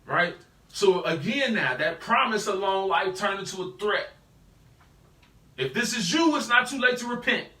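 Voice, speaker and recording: A man's voice: high voice, normal speed, reverberant, distant mic. A man teaching a live Bible study in a casual, slangy way, constantly asking "right?" to his listeners. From United States. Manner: animated, peppers talk with rhetorical "right?".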